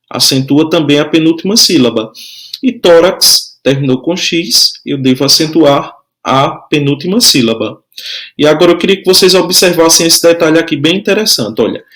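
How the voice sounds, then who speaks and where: Man, teacher, slightly high-pitched, patient, explanatory, checks in with students. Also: a bit bright. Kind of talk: recorded grammar lesson.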